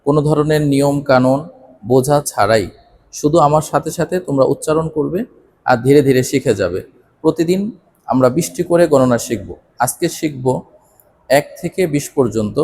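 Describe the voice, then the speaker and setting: A man teaching a children's lesson, speaking clearly and drawing out each word slowly for the listeners to repeat. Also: mid-range voice, a little mellow. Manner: slow, drawn-out call-and-repeat counting. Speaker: Arabic teacher.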